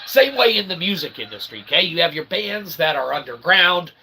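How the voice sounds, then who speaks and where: This man's husky voice sits high, swinging widely in pitch at a fairly quick pace. Speaking as an author and channel host, he rambles through an opinionated, sweary monologue of verbose pseudo-philosophy, keeps asking "okay?", and erupts into emphatic shouting.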